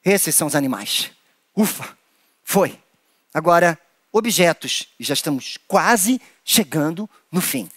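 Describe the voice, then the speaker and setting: A Brazilian man leads a playful children's lesson, his voice pitched high for a man. He bounces through a wide, sing-song range. The sound is close and dry, with no room around it. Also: measured pace, dry recording. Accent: Brazilian Portuguese. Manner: animated, playful, acts out creatures in squeaky high voices. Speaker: children's performer leading a hand-play workshop.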